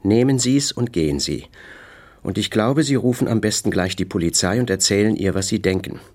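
A man's voice: fairly low pitch, fairly quick, a little mellow, lightly acted. A man reading a novel aloud, voicing a proud, wounded upper-class wife who answers with indignant sarcasm. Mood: bitter. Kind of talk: audiobook character voice.

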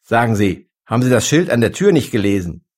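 A man voicing a rude, blasé male shopkeeper who shouts shrilly. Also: a little high, sing-song, brisk, voice pushed up. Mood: shrill, angry.

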